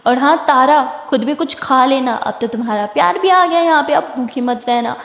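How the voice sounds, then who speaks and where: A woman's voice: high-pitched, normal speed. A woman voicing a stern, knowing mother who scolds and teases. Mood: knowing, teasing. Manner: scolding, sarcastic. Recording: echoey room with long reverb.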